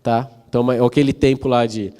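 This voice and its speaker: A Brazilian man presents at a tech conference in a relaxed, chatty way, often checking in with the audience. His voice is dark and mellow, at a middle pitch for a man. A long reverb from a large hall trails behind each phrase. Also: a little fast, clean tone. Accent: Brazilian Portuguese. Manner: explanatory, casual, frequent fillers and tag questions. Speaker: conference speaker. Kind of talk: technical conference talk.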